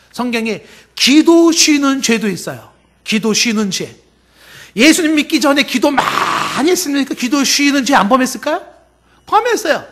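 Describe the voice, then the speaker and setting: A male pastor preaching a sermon who acts out quoted people in dialogue and rises to emphatic, near-shouted exhortation. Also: extremely high pitch.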